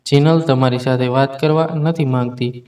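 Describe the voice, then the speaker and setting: A man voicing a calm, caring mother of a grown daughter in a spoken story, talking gently. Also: mid-range voice, moderate pace, close to an everyday voice. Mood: soothing. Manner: soothing and gentle.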